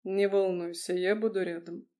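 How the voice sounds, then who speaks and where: A woman voicing a calm, dry-witted male vampire doctor who speaks in an even, measured tone. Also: lowish voice, close to an everyday voice.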